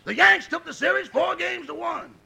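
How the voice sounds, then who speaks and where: Rochester, a raspy wisecracking valet. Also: male voice, moderate pace, pushed and bright, exaggerated voice. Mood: teasing. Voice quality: gravelly, high, rasping voice. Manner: cheeky, teasing comebacks. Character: wisecracking gravel-voiced male valet. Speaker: butler character in a radio comedy. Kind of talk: 1940s radio acting.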